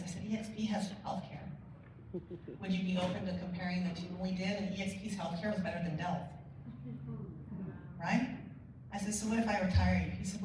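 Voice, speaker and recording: A woman delivers an energetic keynote full of stories and quoted conversations. She sounds a little distant from the mic, in a very echoey hall with a faint room hum behind her. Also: medium pitch. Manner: energetic storytelling with quoted dialogue. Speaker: motivational speaker. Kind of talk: conference keynote speech. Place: large conference hall.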